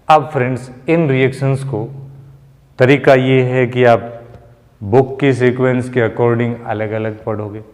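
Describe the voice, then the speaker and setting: A man teaching chemistry in a classroom lecture, explaining slowly and mixing Hindi and English terms. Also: medium pitch, a little mellow. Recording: long room reverb.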